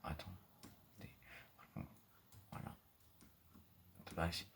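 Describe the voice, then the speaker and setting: A man giving casual, rambling gameplay commentary full of fillers, sometimes dropping into quiet murmurs. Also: slow pace, slight background noise. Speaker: gaming video creator. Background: mouse and keyboard clicks.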